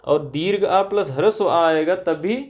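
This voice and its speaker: A man with a high-pitched voice teaches grammar in a classroom lecture. He drills each rule step by step and repeats it. He keeps asking the class whether they follow. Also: normal speed. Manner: checks understanding constantly, tag questions like "right?"; repetitive, drilling rules step by step. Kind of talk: classroom lecture with call-and-response.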